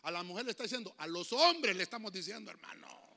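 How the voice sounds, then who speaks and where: Emphatic Honduran pastor preaching. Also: male voice, sits high, expressive, fast, gravelly, pushed and bright, in a large hall. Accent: Honduran Spanish. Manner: preachy and emphatic, calls out to the congregation. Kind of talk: sermon. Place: church hall.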